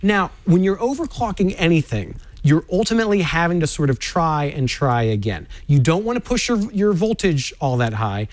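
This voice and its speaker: A man's voice: on the high side, big pitch swings, normal speed, few pauses. A man explaining how to overclock a graphics card in a cautionary, instructive way. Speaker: tech demo guest explaining overclocking. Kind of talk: explanatory studio segment.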